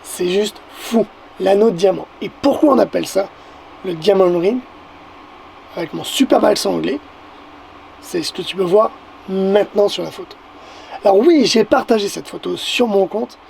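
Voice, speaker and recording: A man with a Québécois accent, a photographer talking casually to the viewer in an excitable vlog, often stammering and repeating words. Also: sits high, normal speed, vocal fry, a little hiss or hum. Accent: Québécois French. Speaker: photographer and vlogger.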